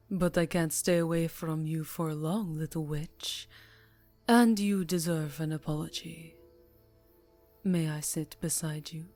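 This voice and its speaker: In an intimate ASMR roleplay, a woman with a deep voice plays an elegant, imperious vampire countess who is also tenderly seductive. Speaking formally and softly, breathy and close to the microphone, she drifts into whispers with an apologetic, tender mood.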